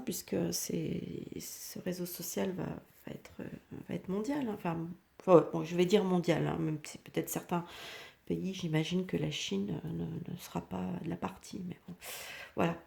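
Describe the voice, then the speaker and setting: A woman's voice: on the low side, steady tone, moderate pace, gravelly, dark tone. A woman from France reading tarot cards in a casual, hesitant way, full of fillers and restarts. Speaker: tarot reader.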